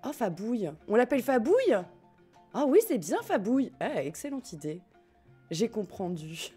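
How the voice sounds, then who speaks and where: A French woman's mellow, slightly breathy voice runs on the high side with big pitch swings, at a normal pace. She streams a game over game music, giggling, chatting with viewers, talking to chat and swearing casually.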